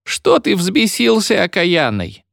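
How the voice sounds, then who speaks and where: A man's voice: high-pitched, huge pitch swings, takes it slowly, gravelly, a bit bright, dry recording, voice pushed up, full character voice. A whimpering old peasant woman scolds in a thin, raised voice, acted by a man. She sounds plaintive and cross at once. The recording is dry and close. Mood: scolding. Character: whining old peasant woman, school cleaner.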